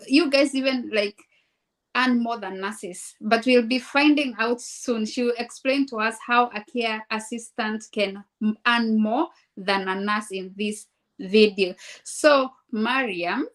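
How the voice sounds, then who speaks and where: Chatty higher-voiced woman hosting a live chat. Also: a little slow, fairly bright tone. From Kenya. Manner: friendly, chatty, many fillers. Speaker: host, registered nurse. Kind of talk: live-streamed casual interview.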